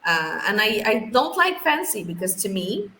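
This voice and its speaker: A woman in her 30s from Algeria, an English teacher for whom English is a third language, answers interview questions casually, often repeating words as she thinks. Her mid-range voice is bright and sing-song, forceful in tone, at a normal speed. The recording has a roomy echo and faint background noise.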